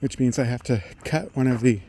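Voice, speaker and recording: Bright-voiced man thinking aloud while walking. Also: mid-range voice, a little fast, husky. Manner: talking while walking along a road. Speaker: vlogger. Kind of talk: thinking aloud, technical monologue. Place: outdoors on a residential roadside. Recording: outdoor street noise, passing vehicles.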